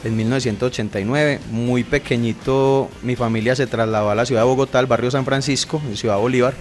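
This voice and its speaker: A Colombian man in his thirties, a podcast guest chatting casually and telling his own story in a relaxed way. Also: mid-range voice, fast talker, soft background music. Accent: Colombian Spanish. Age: 30s. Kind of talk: casual interview chat.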